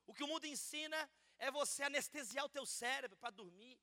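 A male preacher, moving from hushed storytelling to shouted exhortation. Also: very high-pitched, a little fast. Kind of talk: sermon. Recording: long reverb of a large hall.

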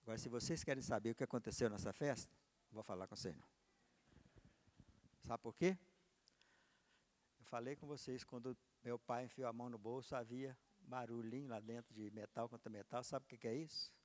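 A man's voice: medium pitch, fairly quick, pauses often, big-room sound. A man preaching a sermon, telling a personal story and acting out its dialogue with big swings in voice and volume. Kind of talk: sermon with acted testimony.

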